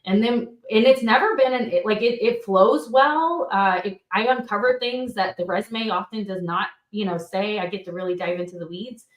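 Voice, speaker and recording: A woman guest on a podcast, talking haltingly with repeated restarts. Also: medium pitch. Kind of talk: casual podcast chat. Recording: roomy echo.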